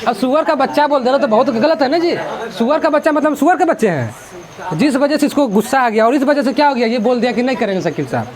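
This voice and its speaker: A man's voice: very high-pitched, animated, fast, a crowd in the background. A male teacher explains a school literature chapter in a chatty, repetitive way, mixing in English words.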